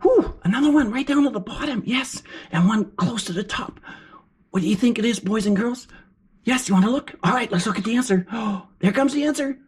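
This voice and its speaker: A woman voicing an excitable, encouraging furry puppet as a kids show host, with gasps and exclamations while teaching children. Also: a little high, fairly quick. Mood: excited, encouraging. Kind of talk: children's lesson, sing-out praise and questions. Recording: clear background noise.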